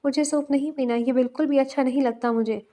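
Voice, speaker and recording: A woman reading the lines of a grown man with a childlike, innocent mind, softly and stubbornly. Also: high-pitched, fairly even intonation, natural voice.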